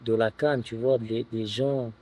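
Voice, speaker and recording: A man in his thirties from France, a footballer guest chatting casually on an outdoor terrace, relaxed and full of filler phrases. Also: mid-range voice, measured pace. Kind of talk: casual interview chat.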